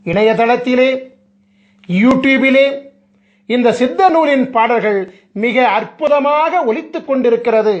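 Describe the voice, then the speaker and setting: A man with a very high voice gives a solemn devotional discourse as a spiritual teacher. He speaks very slowly and deliberately, putting rhetorical questions to his listeners. The recording is muffled and lo-fi.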